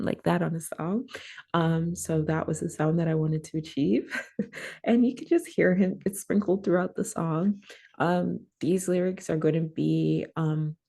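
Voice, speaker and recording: A young woman, a rapper, hosting a songwriting workshop and talking her class through slides in a relaxed, chatty way with plenty of fillers. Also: lowish voice, vocal fry. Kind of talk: casual workshop presentation.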